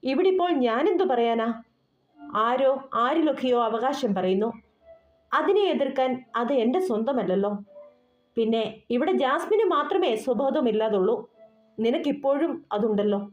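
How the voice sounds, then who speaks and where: A woman's voice: high voice, lively intonation, normal speed, pauses often. A woman voicing a wounded young woman who speaks with bitter resignation, in an audio novel. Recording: roomy dull recording with soft music.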